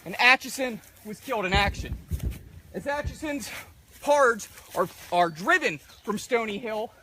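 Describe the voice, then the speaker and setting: A man's voice: sits high, lively intonation, unhurried, sharp tone, a little hiss or hum, low-quality recording. A man outdoors telling the story of a soldier's fate in battle, narrating steadily with occasional fillers. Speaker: battlefield historian. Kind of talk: storytelling history talk. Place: outdoors in a field.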